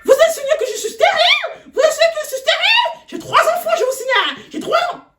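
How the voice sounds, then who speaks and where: A woman voicing an indignant, shrill middle-aged female teacher who shrieks in haughty outrage. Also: very animated, brisk, fairly bright tone, raised voice, full character voice. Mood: outraged. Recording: echoey room.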